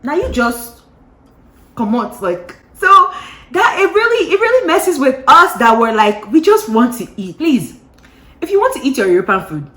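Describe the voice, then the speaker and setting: Nigerian woman ranting on her vlog, bright voice, swings up and down a lot. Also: a little high, reverberant. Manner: animated, ranting, laughs often. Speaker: vlogger. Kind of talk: casual gist chat.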